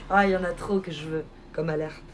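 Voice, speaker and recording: A woman's voice: fairly low pitch, a little hiss or hum. A woman streamer chatting casually on a live stream, answering her chat and laughing often.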